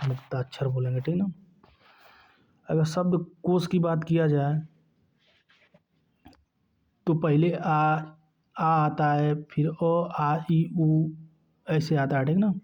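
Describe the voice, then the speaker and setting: A man teaching a lesson at a slightly higher pitch than most men. He asks questions and answers them himself, checking in with his listeners over and over. The recording sounds dull and lo-fi. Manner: keeps asking and answering his own questions, repeating "ठीक ना". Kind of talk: classroom lecture.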